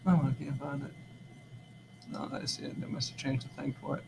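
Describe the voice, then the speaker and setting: A man's voice: mid-range voice, moderate pace, gravelly, background noise. A male teacher, talking through a screen-recorded classroom lesson in a casual, rambling way with many fillers and self-corrections.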